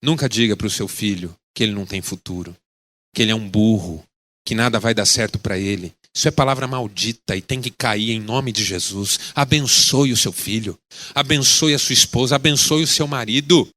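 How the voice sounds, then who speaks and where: A man's voice: fairly low pitch, normal speed. A male pastor preaching a sermon, telling stories dramatically and acting out the people in them. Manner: animated, dramatic storytelling with acted quotes. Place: radio broadcast of a sermon.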